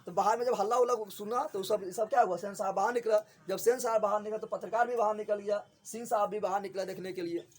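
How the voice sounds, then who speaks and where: A man, teaching a story chapter to a class, often asking a quick question and answering it himself. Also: high-pitched, steady tone.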